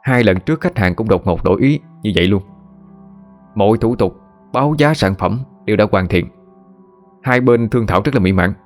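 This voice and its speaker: A man's voice: fairly low pitch, expressive, brisk, pauses often, a little mellow, soft background music, natural voice. Male narrator as a timid, stammering office worker, deferential. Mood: nervous. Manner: stammering, apologetic. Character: nervous young male office employee.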